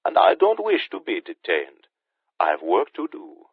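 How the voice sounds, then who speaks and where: A man voicing a suave, menacing male Haitian sorcerer villain with a Caribbean-tinged British accent, speaking smoothly and mockingly over a phone line. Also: low-pitched, huge pitch swings, a little slow, no echo, pitched above the performer's own voice, exaggerated voice. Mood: smug menace. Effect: phone line filter.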